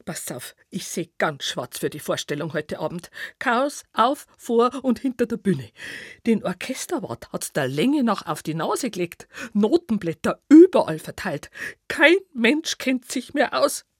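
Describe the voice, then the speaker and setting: Woman as a husky little dachshund, excitable, folksy, swooping pitch, dry close sound, children's radio play. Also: unhurried, few pauses, dry recording. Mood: dramatic, urgent. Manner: exclamatory, folksy, dramatic. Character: sleepy, food-loving, excitable little dachshund.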